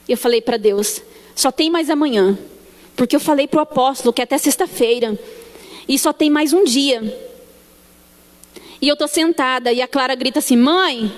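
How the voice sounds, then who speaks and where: A woman with a Brazilian Portuguese accent gives a church testimony in a sanctuary. She tells her story with feeling and acts out the dialogue. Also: high-pitched. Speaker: church member giving testimony. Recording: long church hall reverb.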